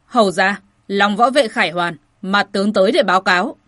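A woman's voice: mid-range voice, a little fast, no echo, studio quality, lightly acted. A woman voicing a furious towering general. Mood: angry shouting. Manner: loud, cold and shouting. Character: towering angry male general in armor.

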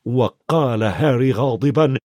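A man narrating a storybook in an expressive, varied reading. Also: medium pitch, measured pace, no room sound, clean studio sound. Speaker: audiobook narrator.

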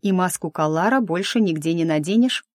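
A woman's voice: lowish voice, lively intonation, brisk, darkish tone, no room sound, studio quality. A woman narrating a fantasy novel in the first person, wry and lightly ironic. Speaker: audiobook narrator.

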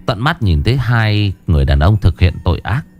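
A man narrating a horror story in a dramatic, lively way. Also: fairly low pitch, fairly quick, faint music behind.

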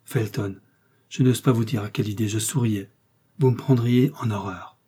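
A man's voice: lowish voice, steady tone, moderate pace, dark tone, slightly rough. Milady, a man voicing a defiant noblewoman. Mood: pleading. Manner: impassioned, dramatic. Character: defiant vengeful young noblewoman. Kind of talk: audiobook reading.

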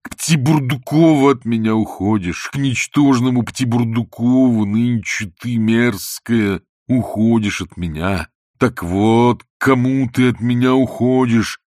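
A man voicing a pompous, self-pitying middle-aged husband who whines in a slow theatrical drawl. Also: lowish voice, breathy edge, no room sound, studio quality. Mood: whining drawl.

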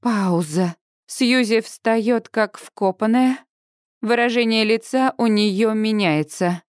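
A young woman with a fairly high voice reads a novel in the first person, lively and expressive. Her voice is close and dry, with no echo at all. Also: slow pace, clean tone. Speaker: audiobook narrator. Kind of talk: first-person audiobook narration.

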